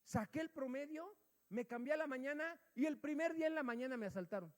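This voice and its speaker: A man preaching a sermon, telling a personal story and acting out the dialogue, dropping quiet and then rising loud. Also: extremely high pitch, quick pace. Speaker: pastor. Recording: long hall reverb.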